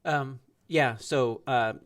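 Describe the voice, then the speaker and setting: A man's voice: mid-range voice, a bit bright. Man explaining planning procedure. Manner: measured, technical, with frequent ums. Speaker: city planning director. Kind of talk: explaining procedure at a council meeting.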